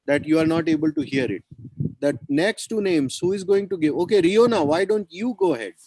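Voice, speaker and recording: A man's voice: a little high, brisk, a little mellow, breathy edge, no echo, low-quality recording. A man teaching children over a video call, encouraging them and repeating his praise and questions. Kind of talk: online children's class.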